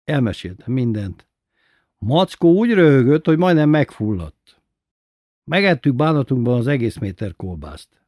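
A man reading a first-person story aloud in a plain, even storytelling manner. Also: medium pitch, no echo, clean studio sound. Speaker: narrator.

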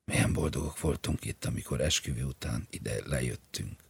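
A grieving, troubled male scholar, read by a man for an audiobook, speaking in a hushed, sorrowful way. His voice is extremely deep and rough with rasp, and the sound is dry. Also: no echo, heavily acted. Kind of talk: audiobook reading.

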